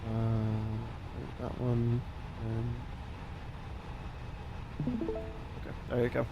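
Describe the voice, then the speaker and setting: Role: halting man flying a sim cockpit on headset. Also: mid-range voice, completely flat delivery, gravelly, lo-fi sound, music in the background. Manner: slow, halting, with many fillers and restarts. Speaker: flight simulator pilot. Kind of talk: cockpit checklist and radio calls over a headset.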